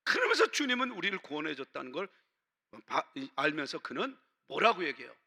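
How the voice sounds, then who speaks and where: A man's voice: on the high side, big pitch swings, fairly quick, gravelly, bright, forceful tone. A man preaching a sermon as pastor in a church, emphatic, asking his congregation questions.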